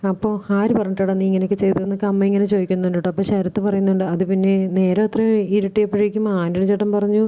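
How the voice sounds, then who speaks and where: A woman vlogger casually retelling an upcoming TV serial episode, relaying each character's lines in quick conversational narration with frequent asides to the listener. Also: mid-range voice, level tone, muffled recording, noisy background.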